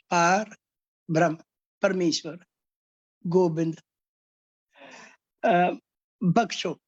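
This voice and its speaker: A woman's voice: on the low side, a little mellow, no echo, muffled recording. A woman teaching poetry, patiently explaining each point and acting out spoken examples. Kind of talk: explaining Hindi poetics.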